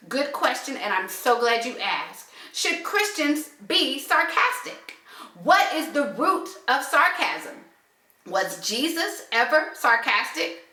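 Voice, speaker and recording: A woman speaks earnestly about faith and relationships, leaning on slow emphasis for key points. Her voice sits high and sounds bright and crisp. The room around her rings with a noticeable echo. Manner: earnest, measured, with slowed emphasis. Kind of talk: reflective talk on faith and relationships.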